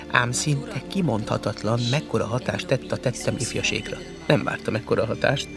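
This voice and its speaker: A man reading a story aloud in a dramatic, theatrical way, dropping to whispers and rising to outbursts. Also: mid-range voice. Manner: theatrical, shifts between whispers and loud outbursts. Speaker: narrator.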